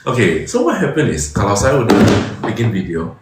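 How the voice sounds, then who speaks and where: Deep-voiced man in a very echoey room. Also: wildly swooping pitch, normal speed. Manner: mixes English and Indonesian, laughs often. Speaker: host. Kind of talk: casual live-stream chat. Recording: very echoey room with faint noise.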